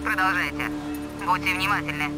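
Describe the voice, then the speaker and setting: A male military dispatcher in a video game, heard over a radio headset link. His voice sits high and moves fast, every order clipped and businesslike. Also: fairly even intonation, over loud music. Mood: briefing. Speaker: mission control radio operator.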